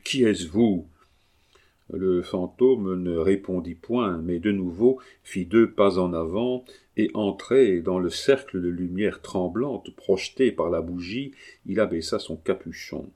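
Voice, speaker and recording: A man reading a classic novel aloud as an audiobook narrator, measured and dramatic. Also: low-pitched, dark tone.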